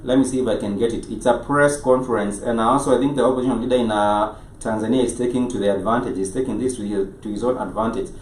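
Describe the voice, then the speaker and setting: A man with a Kenyan accent hosting a live show, speaking in a halting way and often rephrasing himself. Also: mid-range voice, steady tone. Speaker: show host. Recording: echoey, noisy room, distant mic.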